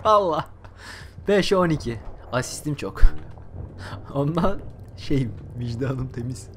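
Young guy gaming, voice jumps all over, a bit high, swears and yells a lot, faint hiss and game noise behind. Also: takes it slowly. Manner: excitable, swears often, bursts into shouts. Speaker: gameplay commentator. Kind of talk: casual gaming chat.

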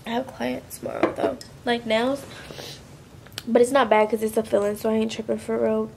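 A woman's voice: a little high, level tone, normal speed, gravelly, background noise. A young woman in her twenties chatting casually to camera while sick, her voice stuffy and nasal, rambling in slangy speech. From Florida. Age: 20s. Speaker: lifestyle vlogger. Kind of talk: casual vlog chat to camera.

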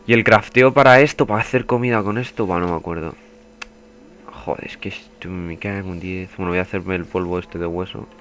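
Low-voiced and brisk, with fairly even intonation, this young man narrates a let's play as a gaming YouTuber. The recording carries slight hiss or hum, and his chatty, profane commentary sometimes erupts into panicked shouts.

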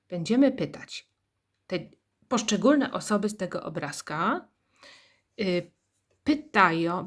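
A patient woman teacher gives a recorded English lesson to young children. She speaks very slowly at an even, middle pitch. She tells little stories to make the grammar stick and has the class repeat after her. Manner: playful storytelling explanations.

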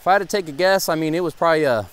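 A young man gives excited, casual running commentary to viewers while fishing from a pond bank, recorded on a head-mounted action camera outdoors. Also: on the high side, very fast, clean tone. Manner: excitable, talks to viewers as guys. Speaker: fishing vlogger.

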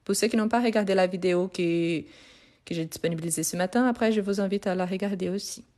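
A woman's voice: mid-range voice, brisk, a little mellow. A woman teaching French grammar in a live online lesson, repeating and spelling out each word and answering viewers' questions.

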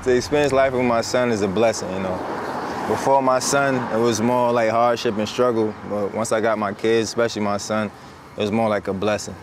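A man, a model and father, talking in a laid-back, relaxed way in an interview. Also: on the low side, a little fast, background noise. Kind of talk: interview monologue. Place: outdoors on a street.

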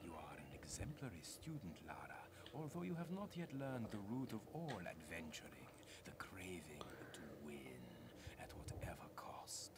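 Proud older mentor, video game cutscene, very slow hushed lines, loud ambient noise. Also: male voice, low-pitched, sing-song. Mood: challenging. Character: older male archaeologist mentor, proud and competitive.

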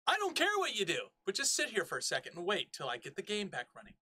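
A man's voice: high-pitched, wildly swooping pitch, fast talker, sharp tone, husky. A man streaming a shooter game, joking and chatting playfully with his viewers. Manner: playful, jokey, talks to chat. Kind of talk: casual gameplay commentary.

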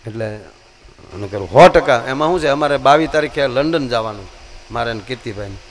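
A man's voice: medium pitch, animated, a little fast. A man from Gujarat, telling comic folk stories on stage and shifting his voice for each character. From Gujarat, India. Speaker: dayro storyteller. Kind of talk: live comic folk storytelling.

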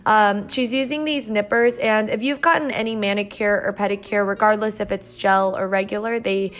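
A vlogger in her twenties chats informally and narrates casually, dropping "like" into her sentences often. Her mid-range voice moves at normal speed with fairly even intonation.

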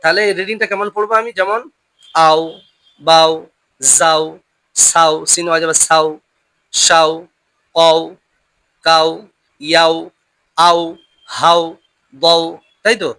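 Quran reading teacher, patient, bright voice, dry close recording, repeats questions, drills pronunciation. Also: mid-range voice, little pitch movement, slow pace, long pauses, clean tone, no echo. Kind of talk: lesson with call-and-response drilling.

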